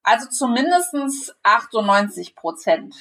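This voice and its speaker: A woman's voice: on the high side, big pitch swings, unhurried, fairly bright tone. A woman author in casual podcast chat, talking loosely with many restarts and laughs, swearing casually.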